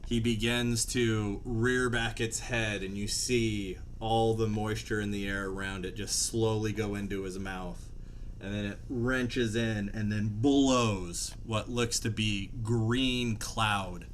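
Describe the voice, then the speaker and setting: Slow, low-voiced male game master. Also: fairly even intonation. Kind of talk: improvised narration of a tabletop fantasy game. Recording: faint background room noise.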